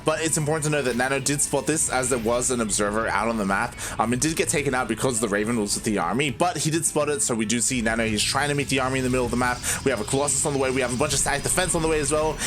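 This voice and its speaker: Conversational male esports caster, mid-pitched, over music. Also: very fast, few pauses. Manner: conversational, informal. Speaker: esports commentator. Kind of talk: casual live game commentary.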